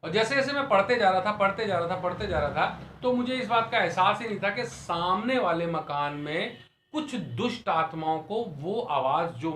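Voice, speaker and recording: A middle-aged male pastor telling a personal story as a sermon, dramatic and swinging from soft to loud, with repeated hallelujahs. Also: mid-range voice, reverberant, slight background noise.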